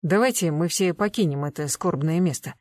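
A reader voicing a practical, decisive man who gives calm, matter-of-fact instructions. the sound is close and dry. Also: fairly high pitch, normal speed, dry recording, lightly acted. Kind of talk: audiobook dialogue.

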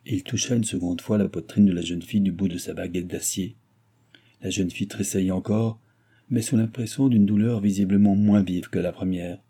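Low, husky male audiobook narrator. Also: fairly even intonation, a little fast, mellow. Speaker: audiobook reader. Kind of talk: novel narration.

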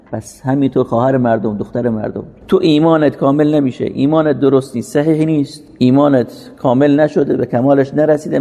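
A man's voice: mid-range voice, creaky, warm tone. A man giving a religious lecture, earnest, asking and answering rhetorical questions. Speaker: religious teacher. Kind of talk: sermon-style lecture. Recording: long hall reverb.

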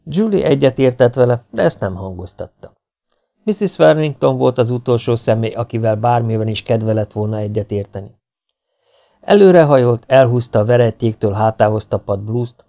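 Mellow-voiced male audiobook narrator. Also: lowish voice.

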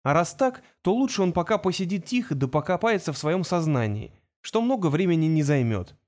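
A man narrating an audiobook in a brisk, wry storytelling manner. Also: fairly high pitch, darkish tone. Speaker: audiobook reader. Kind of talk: scripted narration.

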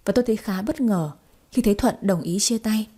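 Husky female storyteller, low-key mellow tone, steady scripted narration. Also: fairly quick.

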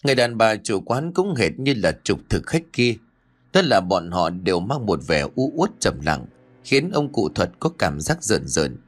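Animated low-voiced male horror storyteller. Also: normal speed. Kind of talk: scripted horror story narration. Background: faint music.

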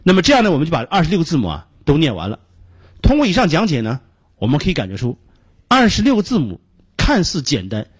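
A man teaching English pronunciation on a radio lesson, explaining patiently step by step and repeating sounds slowly to demonstrate them. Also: a little high, breathy edge, no echo.

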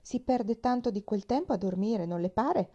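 A woman's voice: mid-range voice, lively intonation, moderate pace, dark tone, dull audio, pitched above the performer's own voice, close to an everyday voice. A woman voicing a cheerful, chatty little girl in a storybook reading, eager and bubbly.

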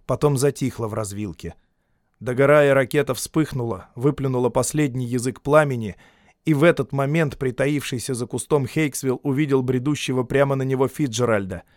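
A man narrating an audiobook in a steady, dramatic reading voice. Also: mid-range voice, a little fast, dry recording, clean studio sound.

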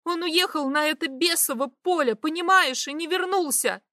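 A woman's voice: measured pace, a bit bright, no room sound, clean studio sound. A woman voicing a frantic, desperate young sorceress who pleads and shrieks. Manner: desperate, shrill.

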